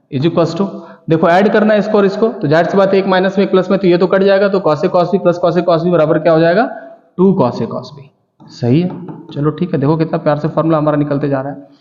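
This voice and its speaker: A man's voice: fairly high pitch, moderate pace, darkish tone. A man teaching maths in a chatty, coaxing way, explaining with homely stories and checking in with students. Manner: colloquial and coaxing, keeps asking "okay?". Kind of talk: chatty classroom lesson. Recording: echoey room with long reverb, dull lo-fi sound.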